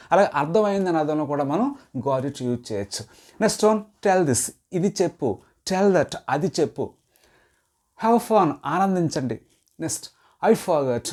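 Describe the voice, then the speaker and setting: A man teaching spoken English, saying each short phrase slowly and clearly, then explaining it in a quicker flow. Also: fairly high pitch, darkish tone.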